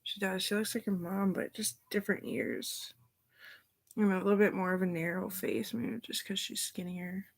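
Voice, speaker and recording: A woman's voice: medium pitch, fairly even intonation, moderate pace, gravelly. A woman in a rambling casual monologue, drifting between thoughts and sometimes trailing off into whispers. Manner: meandering, loose train of thought.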